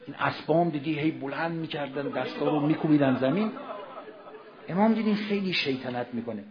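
A man preaching a sermon, telling a story dramatically, moving from hushed passages to loud exclamations. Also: fairly high pitch, dull audio, crowd noise. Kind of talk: Ramadan religious sermon storytelling.

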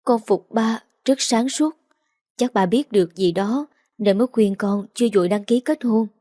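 A woman's voice: a little high, moderate pace, warm tone, dry recording, clean studio sound, lightly acted. A woman reading the part of a distressed, anxious young wife.

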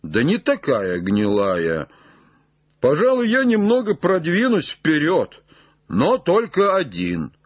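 A man voicing an old male servant, simple and sly, calling down in high drawn-out shouts. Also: wildly swooping pitch, husky, no room sound, dull audio, full character voice. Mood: wary. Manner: high drawn-out calls from far up a tree.

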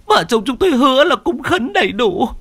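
A man voicing a frightened old village woman in a ghost story, with a shrill, frantic voice. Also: big pitch swings, brisk, sharp tone, breathy edge, heavily acted. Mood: trembling pleading.

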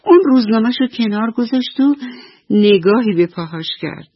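A woman storyteller narrating a bedtime story for children on the radio, gentle and affectionate. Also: a little high, lively intonation, breathy edge, dry recording, muffled recording.

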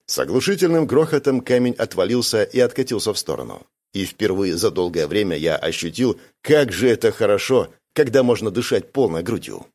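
A man's voice: on the low side, animated, fairly quick, few pauses, darkish tone. Man narrating a sci-fi audiobook. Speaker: audiobook reader. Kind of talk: scripted first-person narration.

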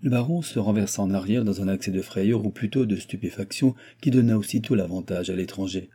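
Male audiobook narrator, low husky mellow tone, steady telling. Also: brisk. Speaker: audiobook reader. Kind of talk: novel reading.

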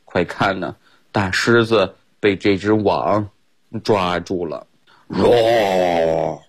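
Slow, husky man telling a bilingual story. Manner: slow, expressive storytelling with exaggerated pitch swings. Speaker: teacher. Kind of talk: bilingual storybook reading lesson. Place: radio studio.

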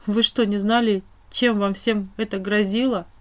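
A woman voicing a brisk, teasing witch whose voice turns strict and cold. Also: medium pitch, fairly even intonation, close to an everyday voice.

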